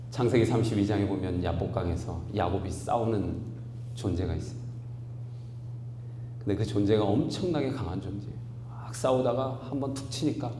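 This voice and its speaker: A man's voice: on the low side, mellow. A man in his forties, a pastor, preaching a sermon in a storytelling manner that builds to emphatic, raised passages. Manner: storytelling with rising emphatic outbursts. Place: large church hall. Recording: echoey hall, faint hum.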